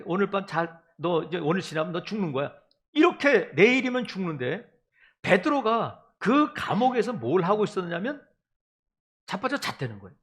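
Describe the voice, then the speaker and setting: A man's voice: sits high, fairly bright tone. A pastor preaching a sermon and acting out quoted voices as he tells the story.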